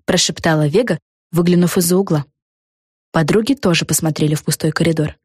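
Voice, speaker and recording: A woman narrating a children's storybook with an expressive, even reading. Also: lowish voice, brisk, breathy edge, no echo, clean studio sound. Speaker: audiobook narrator.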